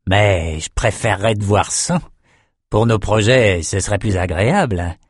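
A brutish street thug, voiced by a male narrator, sneers and threatens his victims. His speech is slow and jeering. The recording is dry and close. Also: lowish voice, husky, no room sound. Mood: mocking. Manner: jeering, menacing.

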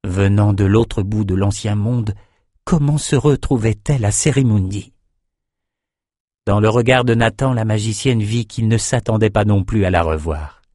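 A man reading a fantasy novel aloud in steady scripted narration. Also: on the low side, normal speed, no echo, clean studio sound. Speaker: audiobook narrator.

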